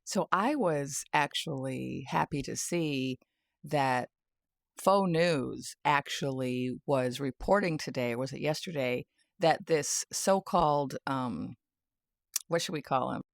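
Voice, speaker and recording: A woman's voice: rumbling low, slow pace, vocal fry, dry recording, studio quality. A woman giving a casual satirical monologue about the news, often breaking into laughter and talking with sardonic glee. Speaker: tarot and spirit-guide commentator. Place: home, near a garage.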